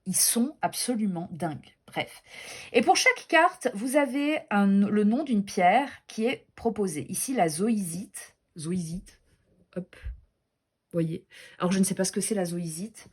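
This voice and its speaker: A woman's voice: mid-range voice, expressive, a little slow, slightly rough. Chatty woman gushing over card decks. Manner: chatty, gushing, self-deprecating, many fillers and restarts. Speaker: tarot and oracle deck reviewer. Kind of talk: casual show-and-tell chat.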